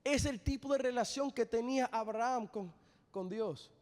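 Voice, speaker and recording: High-voiced preacher man in a reverberant hall. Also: moderate pace. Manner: impassioned, rises to sung shouts. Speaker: evangelist preacher. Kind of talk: sermon. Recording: long church hall reverb.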